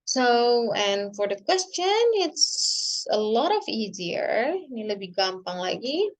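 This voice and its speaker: A woman with an Indonesian accent teaching English grammar, explaining slowly and deliberately and switching between English and Indonesian. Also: mid-range voice, big pitch swings. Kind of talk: online grammar lesson.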